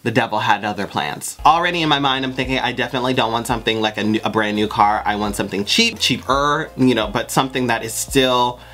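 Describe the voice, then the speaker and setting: A young adult American vlogger with an androgynous voice, telling a story in casual, sassy, animated chat with plenty of swearing. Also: mid-range voice, fast talker, hardly any pauses. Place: small bedroom, indoors. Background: background music.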